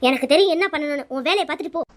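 A woman's voice: high-pitched, racing, natural voice. A woman doing a bossy scheming mother-in-law. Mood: defiant. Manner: scolding, commanding. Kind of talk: cartoon voice acting.

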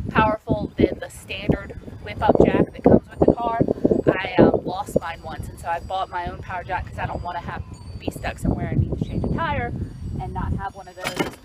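A young woman with a medium-pitched, bright, pushed voice vlogs outside next to her car's open trunk on a sunny street. She chats casually in show-and-tell style, full of ums and restarts, into a camera held close in front, with slight background noise.

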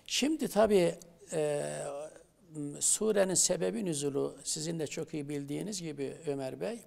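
A middle-aged man, a theology professor, telling religious stories on a studio talk show and reciting Arabic verses with animated emphasis. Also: fairly high pitch, moderate pace, vocal fry.

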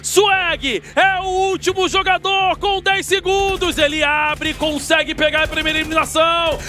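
A Brazilian man giving excited live esports play-by-play as a hype announcer, with drawn-out calls. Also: very high voice. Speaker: esports commentator. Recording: game commentary over background music.

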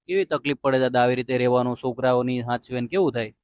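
A man hosting a charity video outdoors by a roadside, interviewing gently and reassuringly and making an earnest appeal to viewers. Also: medium pitch, fast talker, smooth, dry recording.

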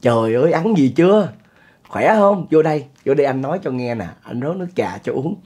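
A man voicing a smooth-talking middle-aged charmer who greets debt collectors with overly warm flattery, in a Southern Vietnamese accent. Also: a little high, fairly quick. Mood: fawning.

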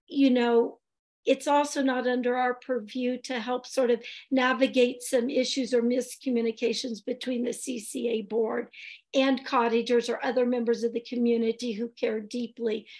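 A woman in her sixties, the board chair, is losing her voice as she talks earnestly through a public meeting on a video call from a room in her home, with many fillers and restarts. Her voice is fairly high with a darkish tone, and she keeps a level tone at a measured pace.

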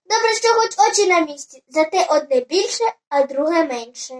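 A storyteller reading a fairy tale aloud in an expressive, lively way. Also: very high-pitched, normal speed.

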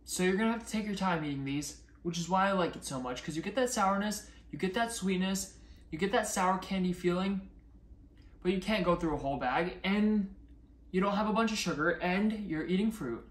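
A man's voice: sits high, brisk. Upbeat young man in an echoey room. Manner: upbeat and chatty, talking while chewing. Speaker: food vlogger. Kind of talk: casual chat to camera. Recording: echoey room with faint music.

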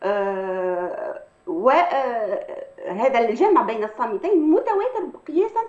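A woman's voice: fairly high pitch, animated, darkish tone. Woman lecturing, echoey lo-fi sound. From Tunisia. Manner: measured, lecturing, with frequent hesitation sounds. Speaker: Arabic language professor, guest. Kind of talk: academic explanation.

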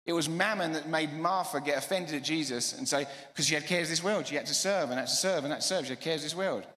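Fast, energetic preacher in an echoing hall. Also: male voice, on the high side. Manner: energetic, emphatic, repeats phrases. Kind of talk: sermon. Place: church hall. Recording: echoey church hall.

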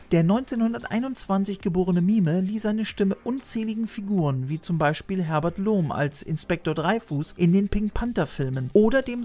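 A thirties-aged man with a high, slightly mellow voice hosts a retro TV channel, narrating a scripted segment on voice actors. His delivery is informative, broken up by chatty, playful asides. He speaks into a boom-arm studio mic in a small room crammed with shelves of videos and toys.

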